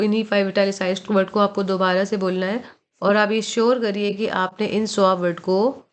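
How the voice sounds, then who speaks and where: A woman teaching English pronunciation, mixing languages, slowing down to spell out and repeat words and often checking in with her listeners. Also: medium pitch. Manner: slow, careful spelling-out of words, frequent "thik hai" check-ins. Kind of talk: explaining a textbook in Hindi mixed with English.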